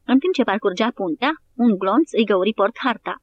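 A woman's voice: mid-range voice, highs cut off. Woman reading an audiobook. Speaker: audiobook narrator. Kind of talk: scripted narration.

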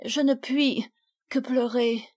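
A woman's voice: high-pitched, fairly even intonation, takes it slowly, darkish tone, pitched above the performer's own voice. Woman doing a timid, trembling young girl. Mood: weak, tearful. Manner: weak and trembling.

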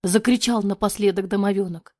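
A woman narrating a fairy-tale audiobook in an expressive voice that often drops to a breathy near-whisper. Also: mid-range voice, brisk, no room sound, clean studio sound.

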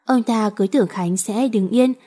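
Woman reading a novel aloud, mellow and a bit husky, steady pace. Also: mid-range voice, moderate pace. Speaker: narrator. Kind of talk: audiobook reading of a romance novel.

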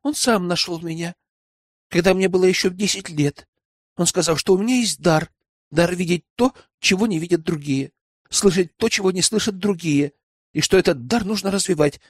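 A man's voice: high voice, normal speed, no echo, clean studio sound, voice pushed up. A man voicing a sly young woman spy. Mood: earnest.

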